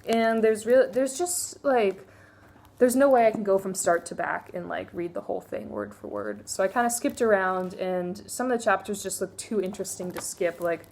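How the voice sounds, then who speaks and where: A young woman talks through a stack of books in a loose, candid way. Her pitch sits at an average height for a woman, and she fills her talk with "like" and "um" and frank side remarks. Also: lively intonation, normal speed, a little mellow, a little hiss or hum. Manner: chatty, candid, many fillers and asides. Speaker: book reviewer. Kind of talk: casual book review vlog.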